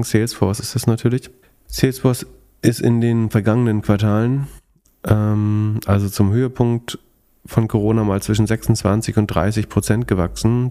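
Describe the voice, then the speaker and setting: Tiefe, knarzige Männerstimme, lockerer Podcast. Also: male voice, fairly low pitch, mellow. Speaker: podcast host and analyst. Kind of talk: casual analytical chat about finance.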